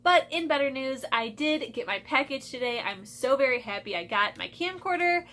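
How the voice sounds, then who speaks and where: A young woman from Michigan, USA, chats casually in her book vlog, sounding a little stuffy and congested from her sinuses and using lots of "like" and "I feel like." Her voice sits high and is expressive and a bit bright, at a normal speed.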